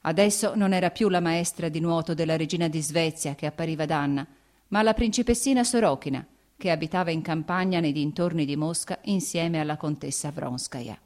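Woman narrator, audiobook of a classic; measured, lowish. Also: a little mellow. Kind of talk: literary audiobook reading.

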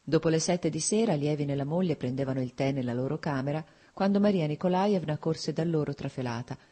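A narrator giving a measured, even reading of a classic novel as an audiobook. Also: medium pitch, breathy edge.

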